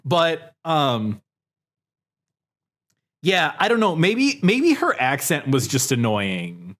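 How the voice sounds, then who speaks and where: A man's voice: fairly high pitch, wildly swooping pitch, takes it slowly, fairly bright tone. A man co-hosting a podcast, telling stories in casual chat, rambling and profane with lots of fillers. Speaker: podcast co-host.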